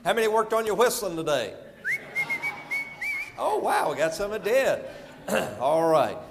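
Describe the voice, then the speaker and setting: A man's voice: sits high, very animated, a little slow, creaky, long reverb tail, very noisy. A middle-aged man with a North Carolina accent preaching as a visiting preacher, folksy and rambling with many fillers. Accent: North Carolina Southern. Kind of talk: sermon. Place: church sanctuary.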